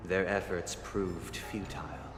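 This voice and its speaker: An actor playing a grandiose game villain who narrates in a slow, theatrical, menacing monologue. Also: male voice, low voice, flat delivery. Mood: solemn, ominous. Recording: echoey hall reverb, game music underneath.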